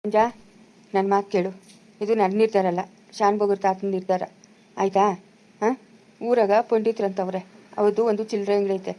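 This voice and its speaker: A woman's voice: mid-range voice, flat delivery, normal speed, pauses often, mellow, close to an everyday voice. A woman playing a bossy village brother-in-law in a family drama, scolding and commanding in a rural Chikkaballapura Kannada accent. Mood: persuading.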